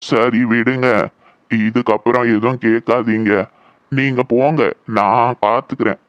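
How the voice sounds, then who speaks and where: A man voicing a gentle old village grandfather in a cartoon, speaking slowly and soothingly. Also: mid-range voice, fairly even intonation, clean tone, dry recording, lo-fi sound, natural voice. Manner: slow, soothing, consoling. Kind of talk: cartoon voice acting.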